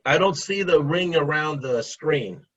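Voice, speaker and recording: A man, the guest presenter, speaking on a video call in a relaxed, slightly unsure way while sharing his screen. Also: on the high side, unhurried, highs cut off. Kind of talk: casual talk before a presentation.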